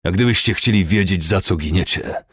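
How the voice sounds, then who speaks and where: Performed by a man, a brutal cavalry colonel with a deep, gravelly rasp that turns into a roar. His speech is curt and commanding, with each order barked dry and close. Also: moderate pace, dry recording. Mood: grim. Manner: barking curt orders, erupting into roars. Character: furious, cold, violent male cavalry colonel.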